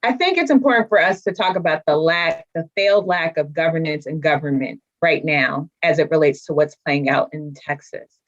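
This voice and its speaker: Dull-sounding lower-voiced woman panelist. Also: moderate pace. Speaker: expert panel guest, policy director. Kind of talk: formal interview commentary.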